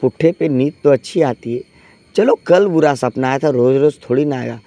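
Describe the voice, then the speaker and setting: A man voicing a frightened young male factory worker in a low, hushed tone. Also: fairly quick, no echo, lightly acted. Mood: tired.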